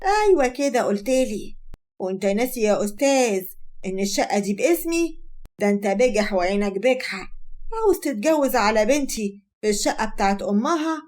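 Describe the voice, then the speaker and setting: A woman voicing a sharp-tongued middle-aged Egyptian mother-in-law who scolds and insults her son-in-law. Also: on the high side, animated, a little fast, close to an everyday voice. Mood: scornful.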